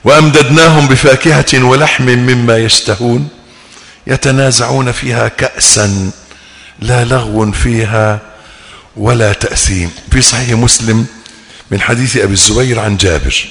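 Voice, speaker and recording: Egyptian male preacher, animated and playful, raised voice at times, bright edge, echoing hall. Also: medium pitch, moderate pace. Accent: Egyptian Arabic. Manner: animated, acts out listeners' wishes, shouts at times. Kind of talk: sermon. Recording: long hall reverb.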